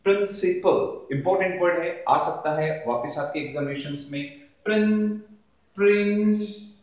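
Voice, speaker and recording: A man teaching a lesson, sounding out words slowly syllable by syllable. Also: a little high, a little mellow. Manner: slow, drawn-out word pronunciation drills. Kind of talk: classroom-style lesson explanation. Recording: echoey room.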